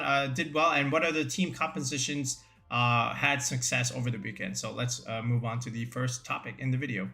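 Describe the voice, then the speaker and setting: A man giving casual, energetic commentary on competitive game teams, full of fillers and tag questions. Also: a little high. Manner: energetic, filler-heavy, keeps saying "right?". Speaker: competitive Pokemon content creator.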